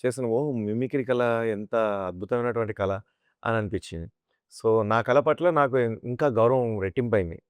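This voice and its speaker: Man telling animated stories in a dry studio. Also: mid-range voice, brisk, clean tone, no room sound, muffled recording. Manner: animated storyteller who slips into chanting and imitated voices. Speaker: mimicry artist, interview guest. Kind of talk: casual interview storytelling.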